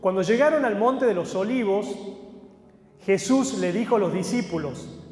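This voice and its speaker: A man's voice: sits high, animated, normal speed, darkish tone. A man preaching a sermon in a church hall, explaining a passage step by step and putting questions to the congregation. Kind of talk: sermon with Bible reading. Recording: echoey hall with faint music.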